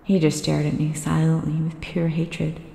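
A woman voicing a worried young mother who reads her diary entries aloud in a quiet, weary, troubled way. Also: low voice, monotone, measured pace, gravelly, a little hiss or hum. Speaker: game narrator. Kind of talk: scripted diary narration. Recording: reverberant game audio with long echo.

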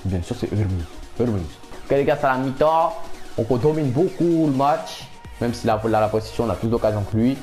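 Young gamer, animated pitch, excitable play-by-play over faint game music. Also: male voice. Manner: excitable, shouts at big moments, repeats phrases rapidly. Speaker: gamer commentating his own match. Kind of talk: casual live gameplay commentary.

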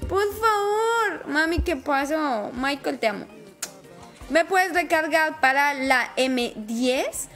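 A woman with a high, bright-pitched voice chats through a game live stream. She is talkative and affectionate and keeps greeting viewers by name. Soft music plays faintly underneath. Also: slow pace. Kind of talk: casual live-stream chat while playing.

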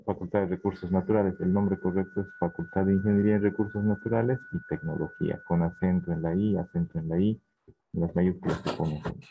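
Deep-voiced male teacher, noisy recording. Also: mellow. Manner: explanatory, keeps checking in with the class. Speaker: university teacher. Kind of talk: online class talk.

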